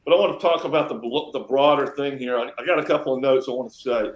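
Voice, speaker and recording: A man's voice: mid-range voice, fast. Earnest man cartoonist in an echoey room. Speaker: editorial cartoonist. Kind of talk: casual chat. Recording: roomy echo.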